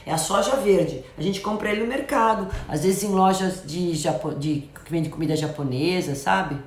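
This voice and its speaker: A woman's voice: lowish voice, moderate pace. A middle-aged woman doctor, casually answering viewer comments on a live stream. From Brazil. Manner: chatty, reads comments aloud and gives friendly advice. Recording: roomy echo.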